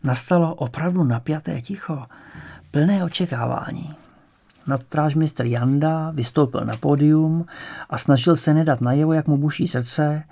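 A man narrating an audiobook in a calm, even storytelling manner. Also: on the high side, gravelly. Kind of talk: audiobook reading.

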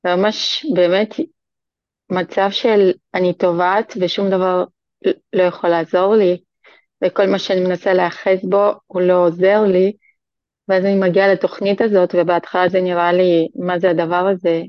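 A woman's voice: lowish voice, little pitch movement, no echo, dull audio. A woman speaking as a podcast guest in an earnest, hesitant way, with many restarts. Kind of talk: casual podcast chat.

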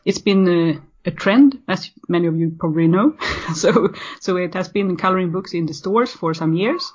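A Swedish woman in her thirties, speaking with a Swedish accent, is a guest on a podcast in a casual interview. Her voice is lowish at a normal speed, and she sounds hesitant, with many fillers and restarts. The audio is muffled and lo-fi.

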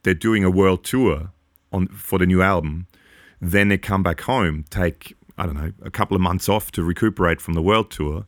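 A man's voice: low voice, moderate pace, no room sound, studio quality. A man in his forties co-hosting a podcast, giving earnest, long, rambling opinions in casual chat. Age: 40s. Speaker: podcast co-host.

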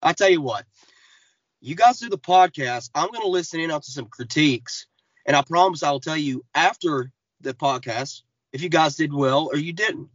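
Angry sarcastic man, higher voice. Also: expressive, normal speed, fairly bright tone, dry recording, highs cut off. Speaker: podcast regular. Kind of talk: casual podcast chat.

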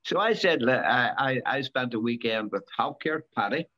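A man in his seventies, a former rally driver, talking in a casual interview, halting and repeating words with many fillers. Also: mid-range voice, lively intonation, sharp tone. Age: 70s. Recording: dull lo-fi recording.

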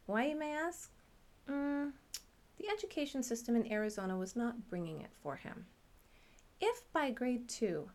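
A middle-aged woman and parent hosting a podcast, telling her family's story in measured, earnest scripted narration. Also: mid-range voice, a little mellow.

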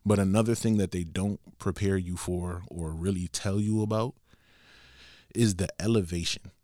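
A young man from Connecticut telling a casual travel story in a relaxed, slangy, animated way. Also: low voice, normal speed, dry recording, clean studio sound. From Bridgeport, Connecticut.

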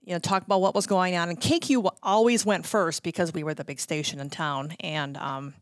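Speaking fairly quickly in a voice on the low side, a former radio promotions worker, a middle-aged American woman, tells casual stories as an interview guest. She's chatty, quoting herself and performing snippets of dialogue. The recording is dry, with clean studio sound.

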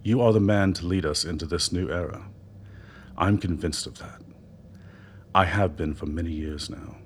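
In a radio drama, a male actor with a low-sitting voice plays an older doctor who acts as a persuasive political mentor, speaking in measured, eloquent phrases. The recording carries noticeable background noise.

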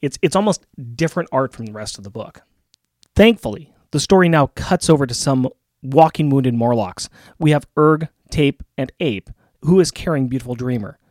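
A man's voice: medium pitch, lively intonation, normal speed, darkish tone, no echo, studio quality. A man co-hosting a show, narrating a scripted comic book recap as playful storytelling. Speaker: podcast co-host.

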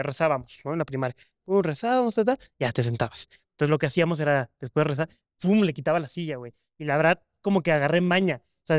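Mexican podcast co-host, young man, high clear voice, animated storyteller. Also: dry recording, clean studio sound. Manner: animated storyteller with sound effects. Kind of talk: casual podcast chat.

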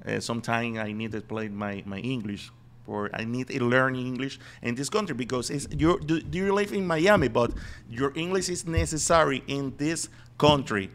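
A middle-aged comedian chatting on a podcast, playful, stumbling in broken English. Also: male voice, mid-range voice, a little slow, a bit bright. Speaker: comedian guest. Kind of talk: casual podcast chat.

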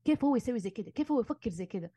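A woman, a marriage and family therapist giving animated advice in casual conversation and slipping in English terms. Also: fairly high pitch, rapid-fire, husky, no room sound. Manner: animated, acts out arguments, mixes in English terms.

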